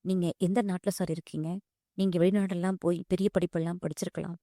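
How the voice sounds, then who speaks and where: A woman's voice: fairly low pitch, level tone, fast talker, dark tone, no echo, studio quality, natural voice. A woman playing a proud, hurt young woman. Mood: sharp. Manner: firm and respectful, calls him "sir".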